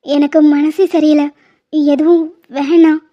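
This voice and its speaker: A woman's voice: sits high, little pitch movement, unhurried. A woman voicing an anxious pregnant young wife in a cartoon drama, talking in a pleading, worried way. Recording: dull lo-fi sound.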